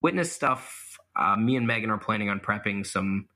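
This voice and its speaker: A young adult man, a mock trial competitor appearing as a guest, answers interview questions casually, laughing at his own stories in a self-deprecating way and using plenty of fillers. His fairly low voice is pushed and bright, with lively intonation at a moderate pace.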